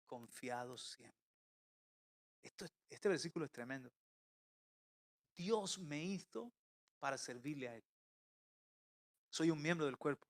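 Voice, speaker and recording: A man delivers a sermon as pastor, his voice sitting high in pitch. He shifts from loud, emphatic calls to quiet, intimate asides as he preaches to a church.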